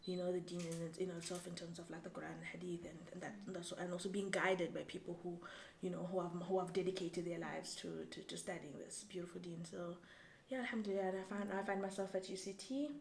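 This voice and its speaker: A young woman from Zambia, whose first language is Tumbuka, answering interview questions in a thoughtful, halting way with many restarts. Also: on the low side, steady tone, gravelly, a little mellow. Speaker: guest. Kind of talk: casual interview. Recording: echoey room, faint background noise.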